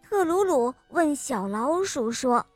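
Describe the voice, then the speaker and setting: A woman narrating a children's story in a gentle, expressive voice and speaking directly to young listeners. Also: high voice, slow pace, faint music behind.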